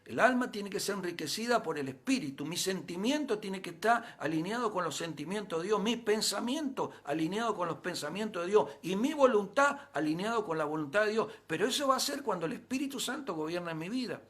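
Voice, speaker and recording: A pastor with a Rioplatense Spanish accent delivers a sermon in a high-pitched male voice. He presses his points with emphatic rises and frequent rhetorical questions. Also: expressive, brisk, few pauses, a bit bright.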